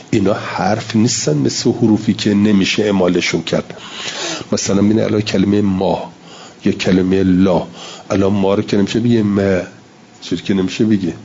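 A man's voice: deep voice, steady tone, darkish tone, dull audio, slight background noise. A man lecturing a class on Quran recitation, reading Arabic lines and explaining them in casual Persian, sounding out examples and repeating himself.

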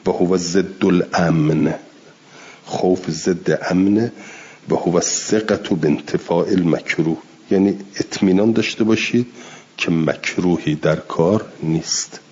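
Low husky man teaching Quran commentary. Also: darkish tone, dull audio. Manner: reads Arabic passages slowly, then explains in Persian. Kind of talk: religious lesson on Quran exegesis.

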